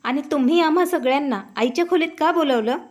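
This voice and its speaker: A woman's voice: high voice, quick pace, natural voice. A woman voicing an exasperated younger son. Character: younger son, calm man turned exasperated.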